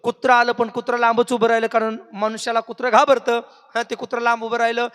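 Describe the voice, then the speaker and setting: A man's voice: very high-pitched, completely flat delivery, fast talker, fairly bright tone. A man preaching a devotional kirtan, questioning the crowd and breaking into song. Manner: questioning the audience, singsong. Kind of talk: devotional sermon with call-and-response. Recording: echoey hall reverb.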